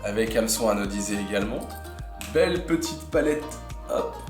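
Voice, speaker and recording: A man hosting a casual unboxing vlog, chatting admiringly about what he shows and often dropping to a soft murmur. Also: lowish voice, animated, moderate pace. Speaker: fishing channel host. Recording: echoey room with faint music.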